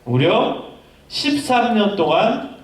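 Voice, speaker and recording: A man's voice: high-pitched, sing-song, slow pace. A male pastor giving a youth sermon, telling stories and asking the congregation questions. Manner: storytelling, asks the congregation questions. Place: church hall. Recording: echoey hall, voice from far off.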